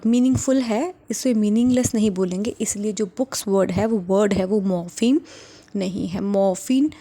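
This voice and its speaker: Woman teacher, mellow voice, fairly high, explains step by step, keeps asking if it's clear. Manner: explains step by step, checks understanding with frequent rhetorical questions; slows right down to dictate English definitions. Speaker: English linguistics teacher. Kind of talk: classroom lecture.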